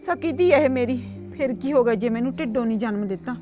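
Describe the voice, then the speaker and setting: An actress playing a nagging stepmother in a village comedy sketch, shrill and complaining. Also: quick pace, dull audio, music in the background, lightly acted. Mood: remorseful. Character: nagging middle-aged stepmother who later repents. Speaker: actress in a short comedy film.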